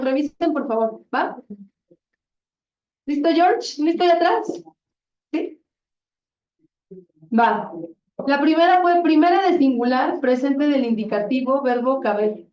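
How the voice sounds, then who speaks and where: A woman leads a classroom conjugation drill, patient and quick to praise each answer. Her voice sits fairly high but sounds mellow and soft-edged. It is heard from some distance in a roomy, echoing classroom, with dull, muffled sound. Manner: patient, encouraging, often praising. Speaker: Spanish grammar teacher.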